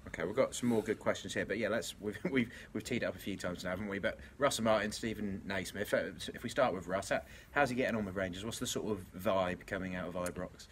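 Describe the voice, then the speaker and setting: A man's voice: on the low side, fast, hardly any pauses, slight background noise. A man presenting a casual football podcast, upbeat and jokey, moving things along with questions.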